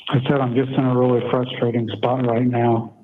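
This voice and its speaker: A man's voice: mid-range voice, level tone, a little fast, slight background noise. A man speaking from prison over the phone, subdued and weary, heard through a tinny prison phone line. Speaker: inmate calling.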